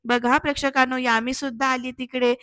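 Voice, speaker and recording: A woman's voice: high-pitched, level tone, a little fast, a bit bright, no room sound. A woman narrating a casual voice-over recap of a TV serial, talking straight to her viewers in a chatty way. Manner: addresses viewers directly, chatty. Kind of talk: casual voice-over episode retelling.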